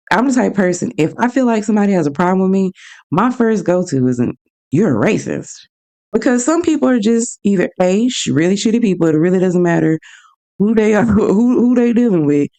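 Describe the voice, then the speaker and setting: A woman hosting her own show, telling personal stories in a frank, animated way and acting out both sides of each exchange. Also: sits low, clean tone. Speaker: podcast host. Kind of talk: casual personal storytelling.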